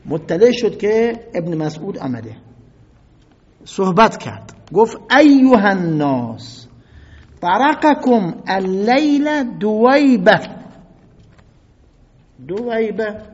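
A man preaching a sermon. He reads classical quotes slowly, explains them, and rises to loud, dramatic outbursts. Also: a little high, slightly rough. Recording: muffled lo-fi sound with long hall reverb.

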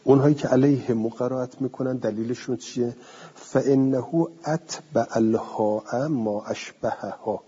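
A man's voice: medium pitch, dark tone, slightly rough. Man, lecturing, reads aloud and explains, asks and answers questions, long echo, muffled lo-fi sound. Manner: reads a passage aloud, then explains it conversationally; asks the class questions and answers them himself. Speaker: teacher. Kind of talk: classroom lecture on a classical text. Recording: dull lo-fi recording with long hall reverb.

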